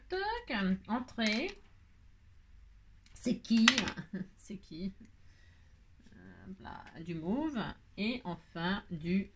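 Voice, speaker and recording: A woman's voice: fairly low pitch, a little mellow, a little hiss or hum. A woman with a French accent hosting a card-making tutorial, chatting and thinking aloud as she works, with frequent delighted exclamations. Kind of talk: casual crafting tutorial.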